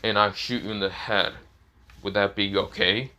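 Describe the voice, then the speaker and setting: Menacing gray-haired pirate vice captain, calm threat, read by a man. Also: lowish voice, normal speed.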